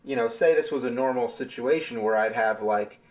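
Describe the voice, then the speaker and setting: In this relaxed behind-the-scenes talk, a man walks through his video editing process, wandering off track and filling gaps with ums. He speaks a little fast in a mid-range, slightly mellow voice.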